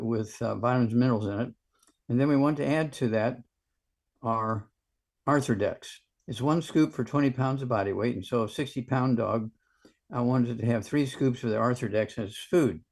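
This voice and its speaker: A man answering callers on a live show, brisk and folksy, cutting in to steer the talk. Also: medium pitch, vocal fry, darkish tone. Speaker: call-in show expert. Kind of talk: live call-in advice.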